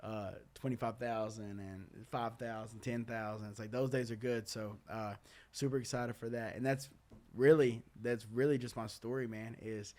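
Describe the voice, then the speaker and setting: A man's voice: mid-range voice, fairly even intonation, moderate pace, darkish tone. Young male host, candid casual storyteller. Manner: earnest, candid, loose talk full of "uh", "man", "dude". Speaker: podcast host.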